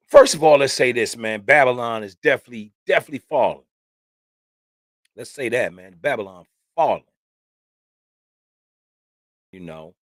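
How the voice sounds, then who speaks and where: A man's voice: medium pitch, no room sound. A man hosts his own podcast in a mid-range voice, rambling casually and dropping slang as he goes. The sound is dry and close, with little room around it. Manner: loose, slangy and talkative, with frequent "man" and "you know what I'm saying". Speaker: podcast host.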